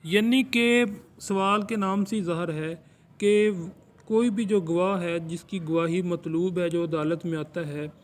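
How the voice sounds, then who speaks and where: A law teacher with a Pakistani accent and a high-pitched, fairly even voice gives an informal exam lecture, explaining English notes he reads aloud in Urdu. He alternates between careful, halting reading and looser explanation, like a teacher prepping students for a test.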